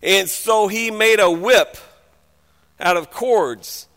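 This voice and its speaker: A man preaching a sermon and reading scripture aloud, dramatic, swinging between hushed passages and loud outbursts. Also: high voice, slow. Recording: long hall reverb.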